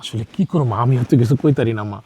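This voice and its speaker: A man's voice: mid-range voice, rapid-fire, a little mellow, breathy edge. An actor playing a meek young son torn between mother and wife, stammering and coaxing, in a TV drama. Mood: pleading. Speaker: son and husband. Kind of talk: TV drama acting.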